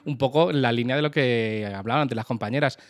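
Brisk man introducing music. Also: mid-range voice. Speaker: podcast co-host. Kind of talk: scripted music segment intro.

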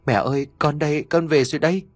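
A man's voice: fairly high pitch, fast, no room sound, voice pushed up, natural voice. A man playing a desperate young wife. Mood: relieved tearful. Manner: urgent, pleading.

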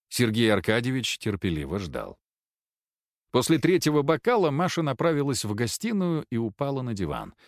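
A man with a mid-range voice narrates a scripted story in a measured storytelling manner. The recording is dry and studio quality.

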